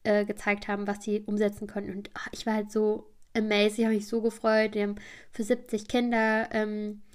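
A woman's voice: medium pitch, monotone, moderate pace, a little mellow. A woman hosting a podcast, telling a story in a rambling, chatty way with many fillers. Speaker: podcast host.

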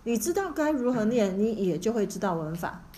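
A woman's voice: on the high side, sing-song, a little fast, mellow, slight background noise. A woman teaching English pronunciation in class, asking questions and correcting students by repeating words back to them.

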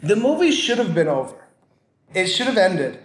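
Man, podcast co-host, high voice, echoey room, wry casual chat. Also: sing-song, moderate pace. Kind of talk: casual movie discussion. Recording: roomy echo.

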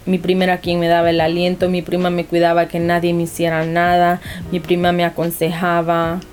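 A young woman from Honduras, an anonymous guest in a personal interview, answers earnestly and often restarts her sentences. Her voice is fairly low, monotone and darkish, and she speaks a little fast.

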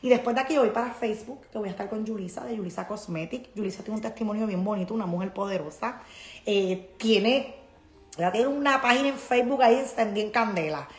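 Speaking fast in a mid-range voice, a woman from Puerto Rico reads viewer comments during a casual live stream. She sounds emphatic, preachy and motivational, with a Puerto Rican accent, and the recording is reverberant.

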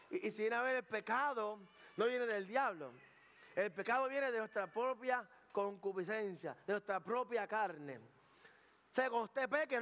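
A male pastor delivers a casual, humorous sermon with a notably high voice. He stammers, repeats himself and mixes in English phrases. The sound carries a long reverb, like a large church hall. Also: a bit bright. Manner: conversational preaching with jokes and asides; slips in English words.

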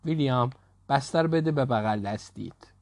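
A man's voice: medium pitch, a little mellow, dry recording, close to an everyday voice. Man doing a stern scolding dad. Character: stern father, impatient.

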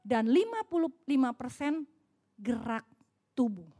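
A woman's voice: high-pitched, big pitch swings, a little slow, mellow. A middle-aged woman, preaching in a chatty storytelling way, often asking the audience questions. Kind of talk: sermon with personal stories.

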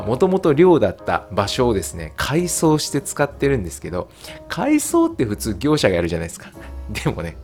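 A man hosting a casual solo podcast, chatting with many fillers and laughs. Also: gravelly. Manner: chatty, frequent fillers and laughs, lively pitch. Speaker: podcast host and English teacher.

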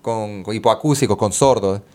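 A man, a music therapist talking as a guest in a casual conversation and explaining with lively examples. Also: fairly low pitch, moderate pace. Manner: animated, explains with examples, Caribbean Spanish slang.

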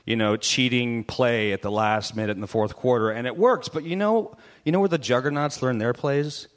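Man, comic reporter, rambling rant, mid-pitched everyday voice. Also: normal speed. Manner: rambling, full of "like" and "you know". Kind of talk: comedic rant on live radio.

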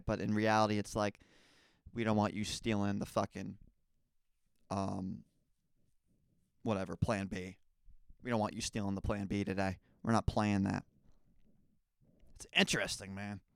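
A young man hosting a podcast, rambling through a casual comedic monologue with crude, deadpan asides. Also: medium pitch, smooth, dry recording, studio quality. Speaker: podcast host.

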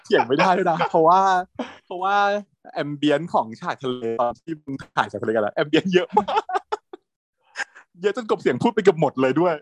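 A man chatting casually with a co-host, recapping a TV drama in an animated way, laughing often. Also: on the high side, fairly quick, slightly rough, no room sound. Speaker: podcast co-host.

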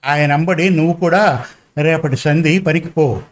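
Man reads an anxious village mother in a storybook, scolding and pleading, voice a touch high. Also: a little slow, close to an everyday voice. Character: poor village woman, a grieving, anxious mother.

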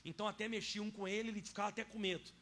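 A male pastor with a Brazilian Portuguese accent delivers a lively sermon in a church. His voice sits high for a man, dropping to quiet asides and then rising into loud, emphatic declarations. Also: rapid-fire. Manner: animated preaching, swings from soft asides to loud emphatic declarations. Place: church sanctuary.

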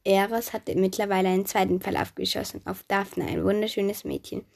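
A woman narrating a children's myth in first person, lively and chatty, speaking directly to the listener. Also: medium pitch, brisk, vocal fry. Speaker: storyteller.

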